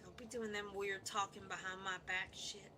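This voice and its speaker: A woman's voice: medium pitch, flat delivery, moderate pace, noisy background. A woman streaming a video game, chatting playfully and swearing casually while she reads along.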